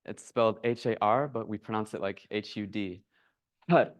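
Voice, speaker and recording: A man teaching a yoga class, calmly guiding breath and movement. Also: on the low side, a little fast. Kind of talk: guided yoga class instruction. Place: yoga studio.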